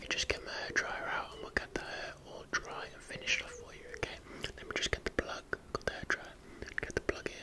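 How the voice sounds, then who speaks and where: A man in his thirties doing a whispered role-play as a friendly barber, in a fast, aggressive ASMR manner with repeated trigger words, close to the microphone. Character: brisk, friendly barber attending a client. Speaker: ASMR performer playing a hairdresser. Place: small home gym in a shed, indoors. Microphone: fluffy-covered microphone close in front of him.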